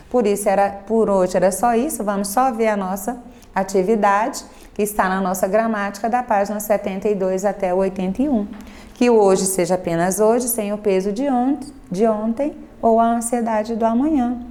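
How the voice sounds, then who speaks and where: A woman teacher leads a remote grammar lesson for schoolchildren, speaking at an ordinary pitch for a woman. She stretches out example words slowly and keeps checking in with the class through short tag questions. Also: mellow. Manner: slow, exaggerated modeling of pronunciations.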